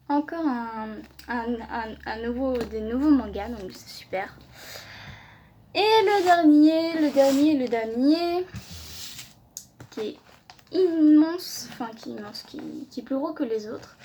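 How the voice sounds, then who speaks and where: A woman chatting excitedly on a casual unboxing vlog, often exclaiming and repeating herself. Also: on the high side, slight background noise. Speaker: vlogger.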